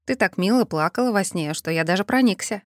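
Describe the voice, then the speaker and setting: A woman's voice: mid-range voice, animated, a little fast, no echo, clean studio sound, close to an everyday voice. A woman voicing a teasing, playful winged young man in an audiobook. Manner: mocking, playful.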